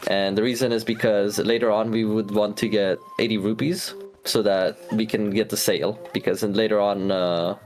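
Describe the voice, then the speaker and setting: A man's voice: lowish voice, flat delivery, normal speed, darkish tone. A man commentating a speedrun, explaining glitches at length with many fillers and restarts.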